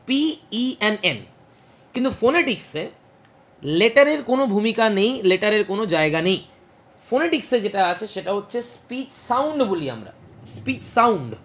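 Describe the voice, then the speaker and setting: A woman's voice: a little high, fairly bright tone. A woman teaching a phonetics class, explaining patiently, repeating and sounding out each speech sound and checking that students follow. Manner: checks understanding with questions. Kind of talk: classroom lecture mixing Bengali and English.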